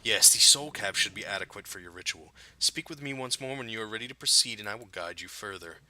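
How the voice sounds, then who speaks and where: A man's voice: on the low side, expressive, fast, pushed and bright, poor audio. A man reading out a solemn ancient quest giver. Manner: formal, archaic phrasing. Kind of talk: reading game quest text aloud.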